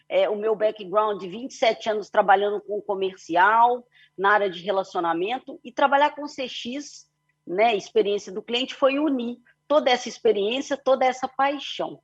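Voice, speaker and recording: On an online panel, a middle-aged woman CEO from Belo Horizonte narrates her story at length, her Mineiro Brazilian Portuguese peppered with "né" and "é" fillers. She speaks at a moderate pace in a husky, high-leaning voice, captured in dull audio.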